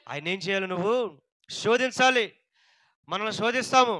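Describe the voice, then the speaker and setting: A man from India preaching a sermon, asking rhetorical questions and answering them himself, repeating phrases and crying hallelujah, swinging between loud fervent stretches and soft low passages. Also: brisk, clean tone, dry recording. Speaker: pastor.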